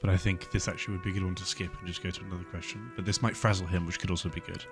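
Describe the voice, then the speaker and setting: A relaxed man hosting a gaming video, thinking aloud as he picks choices and laughing often. His voice is fairly low and easygoing. Loud game music plays behind him throughout. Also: rapid-fire. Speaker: gaming channel host. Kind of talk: casual game commentary.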